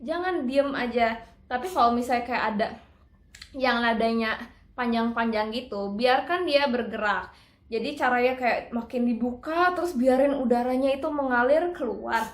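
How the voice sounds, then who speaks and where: A high-voiced woman coaches singing in a relaxed, talkative way and demonstrates each point with sung operatic lines. The room around her is echoey. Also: normal speed. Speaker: singing teacher. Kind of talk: casual singing lesson.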